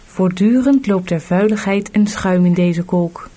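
A woman voicing a calm, helpful male rescuer in a storybook audiobook, steady and instructive. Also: on the low side, unhurried.

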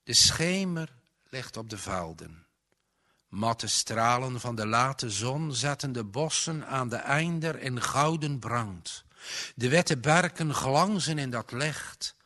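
A man reading a rural drama aloud in a solemn, expressive way. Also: mid-range voice, takes it slowly. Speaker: narrator.

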